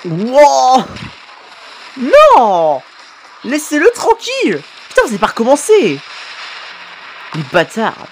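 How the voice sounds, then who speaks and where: A man hosting a casual video reaction, excitable, often swearing and exclaiming at the screen, with frequent hesitant fillers and self-corrections. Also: very high-pitched, slow, long pauses, slight background noise. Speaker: YouTube reaction host.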